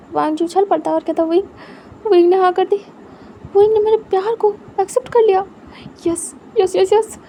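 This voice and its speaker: A woman reads a fan fiction story aloud in a high, mellow voice. Her delivery is plain and steady, with little rise and fall. She narrates evenly from line to line. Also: creaky, a little hiss or hum.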